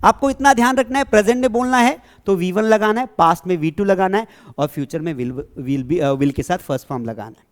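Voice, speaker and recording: A high-voiced man speaking a little fast explains tenses in an English grammar classroom lesson. He repeatedly makes sure the students are following and poses questions before answering them himself.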